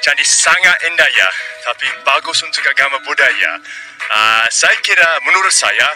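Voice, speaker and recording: A man's voice: a little high, lively intonation, normal speed, bright, forceful tone, faint music behind, poor audio. A man from Australia with an Australian accent, giving hesitant impressions to camera. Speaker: speech contest participant on tour. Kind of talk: unscripted talk to camera.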